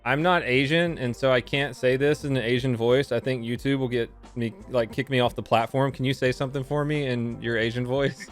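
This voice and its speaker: A man's voice: medium pitch, fairly even intonation, a little fast, faint music behind. A man in his thirties hosting a jokey, sarcastic recap of odd police news stories, reading headlines aloud and riffing on them. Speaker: host.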